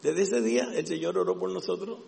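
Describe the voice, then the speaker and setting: Fervent high-voiced male preacher, gravelly. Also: brisk, darkish tone. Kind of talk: sermon. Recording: long echo of a large hall.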